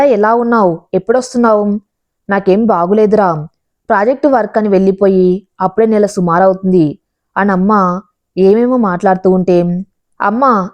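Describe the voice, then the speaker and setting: A woman narrating a family drama story, reading every character's lines herself and slowing down for emphasis. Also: medium pitch, darkish tone. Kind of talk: storytelling narration with voiced dialogue.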